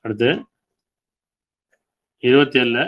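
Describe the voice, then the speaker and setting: Male preacher, mid-pitched, reads verses and explains them, keeps checking in with listeners; slightly dull lo-fi audio. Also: fairly even intonation, slow. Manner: asks listeners rhetorical questions, reads verses aloud then explains. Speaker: Islamic preacher. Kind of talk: Tamil sermon explaining Quran verses.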